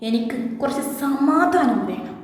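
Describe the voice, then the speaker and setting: A woman voicing an indignant young wife, hurt and bitter, speaking in sharp, reproachful tones. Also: sits high, expressive, unhurried, pitched above the performer's own voice. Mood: angry. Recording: heavy echo, reverb, faint music.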